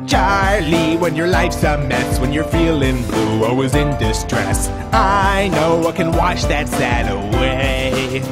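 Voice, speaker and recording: An upbeat, smooth-talking cartoon creature performed by a woman in a lowish voice. The lines come as slow, persuasive showtune rhymes over loud musical backing. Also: expressive, loud music behind the voice. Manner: rhyming sing-song, persuasive showtune delivery.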